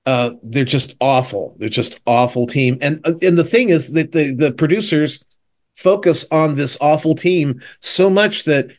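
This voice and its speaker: A man co-hosting a casual chat podcast, rambling through TV recaps with lots of fillers and animated retellings. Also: on the high side, a little slow. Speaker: podcast co-host. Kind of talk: casual chat about TV shows.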